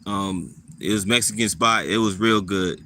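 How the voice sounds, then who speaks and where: A man casually talking to his live chat viewers, relaxed and repetitive, answering people by name. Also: lowish voice, moderate pace, a little hiss or hum. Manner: laid-back, repeats himself, answers viewers by name.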